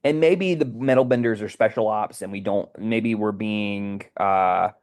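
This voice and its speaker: Earnest male podcast host, low voice. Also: measured pace, a little mellow. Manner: earnest, keeps checking with "right?". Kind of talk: casual discussion.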